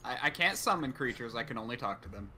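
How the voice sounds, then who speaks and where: A man's voice: mid-range voice, lively intonation, a little fast, a crowd in the background. A man talking casually as a player in a tabletop game.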